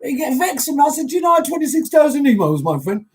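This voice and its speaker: A woman DJ hosting a live show, chatting casually, joking and giving shout-outs to listeners. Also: high voice, fast, slight background noise, rough recording. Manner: chatty, animated, jokey. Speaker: DJ and show host.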